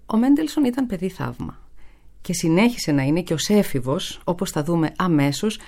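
A woman hosts a classical music radio program and explains each piece clearly, slipping in small chatty asides. Her voice sits a little low and sounds warm and mellow. She speaks into a studio microphone. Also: expressive. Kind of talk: informative radio presentation.

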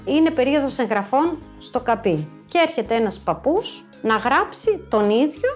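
A woman in her fifties, a former social worker, telling a personal story to an audience in a lively, animated way. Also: fairly high pitch, faint music behind. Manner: lively, animated, acts out quoted voices.

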